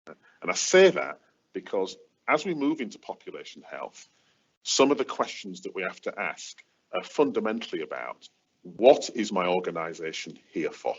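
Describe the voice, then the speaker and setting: A man speaking as a webinar panellist, explaining his points in an emphatic, deliberate way. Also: sits low, sing-song, breathy edge. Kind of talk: webinar talk on leadership. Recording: dull, muffled webinar audio.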